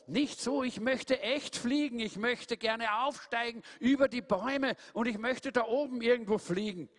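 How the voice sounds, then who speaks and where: A man's voice: very high-pitched, moderate pace, big-room sound, voice pushed up. A man voicing a restless young male turkey who longs to fly, pleading and repeating himself.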